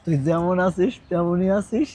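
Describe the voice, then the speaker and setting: A man's voice: high voice, moderate pace, warm tone, slight background noise, lightly acted. An actor playing a young man who teases his married friend in casual banter. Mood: teasing. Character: teasing young male friend. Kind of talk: TV drama acting.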